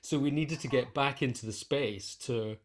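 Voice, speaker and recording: A composer and conductor, interviewed as a guest, talks about his work at a moderate pace in a medium-pitched voice. He's casual and conversational, thinking aloud and repeating phrases as he goes.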